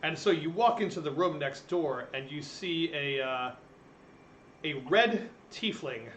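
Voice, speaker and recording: A man's voice: on the high side, expressive, measured pace, fairly bright tone. A man running a tabletop game, improvising narration as game master. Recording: echoey room, faint noise.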